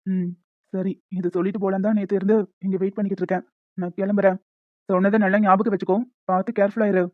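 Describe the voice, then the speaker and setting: A woman voicing a stern but caring young man in an animated story, speaking in a firm, lecturing way. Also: medium pitch, no echo, narrow, tinny audio, natural voice. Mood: gentle. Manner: firm, lecturing, quick-talking.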